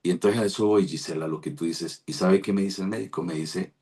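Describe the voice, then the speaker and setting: A man's voice: low-pitched, fairly quick, dark tone, slightly rough. A man, a pastor, telling a rambling devotional testimony over a video call. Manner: rambling storytelling with restarts.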